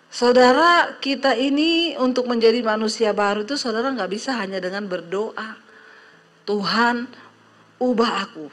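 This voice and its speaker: A woman's voice: on the high side, a bit bright. A middle-aged woman pastor preaching a sermon, telling a story and acting out the quotes, often calling her listeners "saudara".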